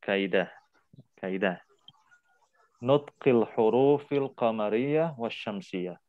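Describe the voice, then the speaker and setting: A man's voice: fairly low pitch, expressive, takes it slowly, narrow, tinny audio. A man teaching Arabic in an online class, patiently repeating words for his students to drill.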